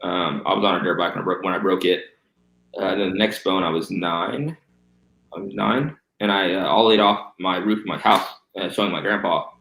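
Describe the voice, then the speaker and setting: A man's voice: low-pitched, steady tone, fairly quick, gravelly, fairly bright tone. A man of thirty with missing front teeth, chatting casually as an interview guest. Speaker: guest, professional BMX stunt rider and reptile keeper. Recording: roomy echo.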